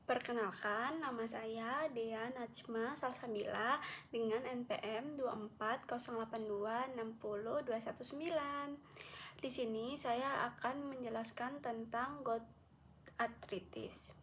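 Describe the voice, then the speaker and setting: A woman's voice: on the high side, steady tone, a little slow, fairly bright tone, a little hiss or hum. A young woman, a medical student, giving a recorded class presentation, reading carefully and correcting herself often. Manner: careful explanatory reading with frequent self-corrections.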